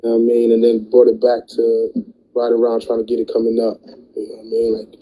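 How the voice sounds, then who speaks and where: A man's voice: mid-range voice, monotone, fast, warm tone, slightly rough, poor audio. A man, a music artist and producer, talking in a laid-back, slangy way in an interview, full of "you know what I mean". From New Jersey. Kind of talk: casual interview talk.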